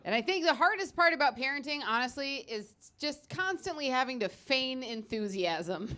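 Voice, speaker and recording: Woman in her 30s doing standup into a handheld mic, crude and worn out, kinda high bright voice. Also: moderate pace. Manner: brash, profane, tired deadpan delivery. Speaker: stand-up comedian. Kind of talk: stand-up comedy set. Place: comedy club stage.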